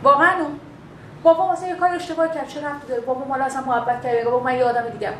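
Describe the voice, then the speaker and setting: A woman instructor giving a classroom lecture on communication, animated and acting out quoted dialogue. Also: high voice, reverberant, slight background noise, rough recording. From Bakhtiari heritage.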